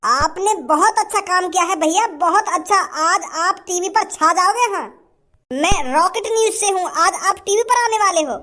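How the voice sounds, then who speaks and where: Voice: extremely high pitch, moderate pace, pushed and bright. A performer playing an eager adult male TV news reporter who gushes with praise.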